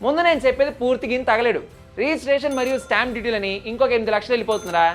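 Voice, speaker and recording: A woman doing a rapid scolding guru, lecturing, higher voice, light music behind. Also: natural voice. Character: scolding know-it-all guru giving money advice. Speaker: guru giving finance tips. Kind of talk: comic short ad skit.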